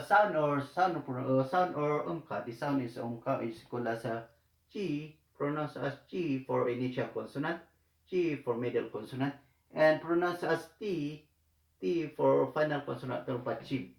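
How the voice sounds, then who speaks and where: A Korean language tutor guides a writing lesson step by step, speaking slowly and haltingly, repeating phrases and filling the gaps. His somewhat high voice has vocal fry, and the room echoes.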